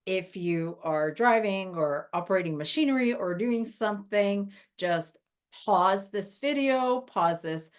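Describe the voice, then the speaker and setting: A woman's voice: medium pitch, lively intonation, measured pace. A woman speaking conversationally as a podcast host, giving practical instructions to listeners.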